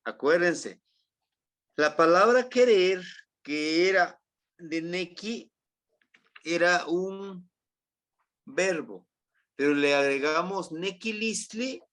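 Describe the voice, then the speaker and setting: A man's voice: high voice, lively intonation, slow, long pauses, a bit bright. A man teaching a language class in Spanish with a Mexican accent, patiently repeating words and checking that the students remember. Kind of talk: classroom lesson.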